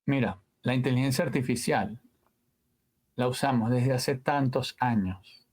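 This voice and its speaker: Spinning lively anecdotes full of sound effects and drifting asides, this guest audio engineer chats in a relaxed interview. His voice is mid-range and his pace measured.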